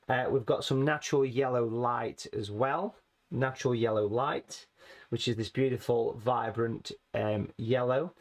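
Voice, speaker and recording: A man teaching watercolour painting in a chatty, friendly way, his voice a little hoarse and rusty from hay fever. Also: mid-range voice. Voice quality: rusty, slightly raspy. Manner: chatty, friendly, calls viewers folks. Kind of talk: casual painting tutorial.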